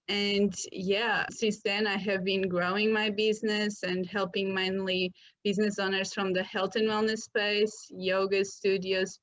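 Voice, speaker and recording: A woman, a guest talking casually about her work in loose, upbeat phrasing. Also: mid-range voice. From Portugal. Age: 20s. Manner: upbeat, loose non-native phrasing with fillers. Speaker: guest, marketing agency founder. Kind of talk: casual interview conversation. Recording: dull lo-fi sound.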